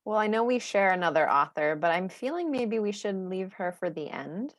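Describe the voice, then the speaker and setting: A woman co-hosting a poetry and tea session, reading a poem in a calm, measured way. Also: medium pitch, no echo, studio quality. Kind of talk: gentle poetry reading and chat.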